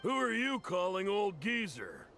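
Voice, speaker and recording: A man voicing a gruff, defensive older blacksmith and father in a video game. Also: sits high, wildly swooping pitch, a little slow, sharp tone, exaggerated voice. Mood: blustering. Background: music.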